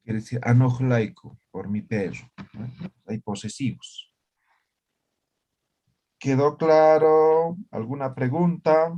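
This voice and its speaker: A man's voice: medium pitch, steady tone, slow pace, long pauses, warm tone. A man teaching an online language class, explaining grammar step by step and often checking that students follow. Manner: explanatory, checks understanding with frequent "¿ya?" and "¿no ve?".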